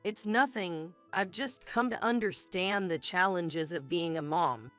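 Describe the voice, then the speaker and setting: A woman voicing a frail, timid young mother who speaks softly and hesitantly, slow and quiet. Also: lowish voice, soft background music, natural voice. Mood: weak, hesitant. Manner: soft, hesitant, apologetic.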